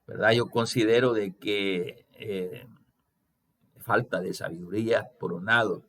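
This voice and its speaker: A man's voice: lowish voice, fairly bright tone. A man pastor preaching a sermon, asking rhetorical questions and acting out quotes, often hesitating and repeating words.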